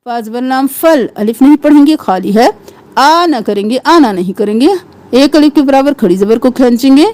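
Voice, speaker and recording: In this tajweed lesson, a slightly mellow-voiced woman recites verses in a drawn-out, slow chant. She then lowers her voice and explains the rules at a quicker pace.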